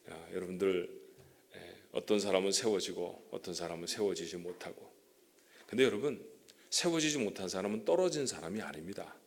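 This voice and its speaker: A man's voice: deep voice, brisk, creaky. Man preaching a conversational sermon. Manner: conversational, often checks in with the congregation; says he stutters. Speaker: guest pastor. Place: church sanctuary.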